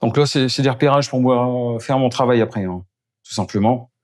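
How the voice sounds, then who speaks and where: In a clean studio recording without echo, a man with a mid-range, darkish voice talks a little fast. As a geobiologist performing an energy clearing, he walks through a house and gives an on-the-spot demonstration, explaining each step to the camera.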